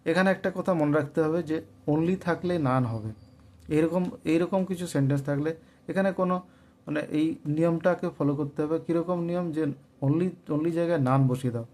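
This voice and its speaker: A man with a Bengali accent teaching English grammar, asking and answering his own questions and slowly dictating example sentences. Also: fairly high pitch, darkish tone. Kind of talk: grammar lesson explaining answers.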